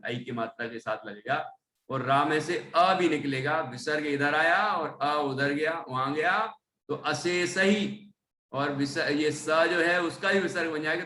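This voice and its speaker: A man teaching scripture chants each verse slowly in a slightly high, bright voice. After each verse he explains the pronunciation and meaning, pausing often to check that his listeners are following. He sounds a little distant, in a roomy space with faint background noise. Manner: frequent "theek hai" checks with listeners. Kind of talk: recitation and line-by-line teaching.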